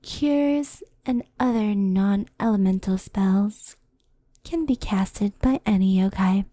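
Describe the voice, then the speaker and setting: In an ASMR roleplay of soft storytelling, a woman plays a gentle, wistful fox spirit, calmly explaining things in an unhurried, soft-spoken voice that often drops to a whisper. Her medium-pitched voice is close to a headphone ASMR microphone, with no room sound.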